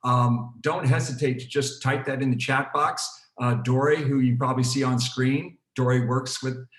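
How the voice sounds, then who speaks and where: A man's voice: mid-range voice, moderate pace. A man hosts an online panel as a program director. He talks loosely, with many fillers and restarts. His video call audio sounds roomy and echoey. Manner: relaxed, with frequent fillers and restarts. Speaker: program director hosting a webinar.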